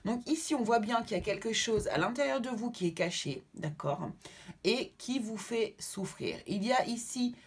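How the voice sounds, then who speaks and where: A woman's voice: a little high, lively intonation, normal speed, husky. A woman giving a tarot card reading to her viewers, talking reassuringly and often checking in with them. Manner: affectionate sign-offs to viewers.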